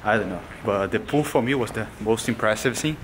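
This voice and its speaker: Holding the camera out at arm's length, a young man narrates his laid-back travel vlog, moving between the outdoors and a bare concrete building. He speaks in a lowish voice at a slightly fast clip over a bit of background noise, his relaxed remarks phrased loosely and casually like a non-native speaker.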